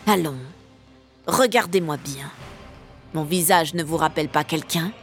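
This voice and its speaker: A woman's voice: low voice, measured pace, faint music behind. A woman voicing a vengeful, menacing witch. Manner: menacing, hushed growl.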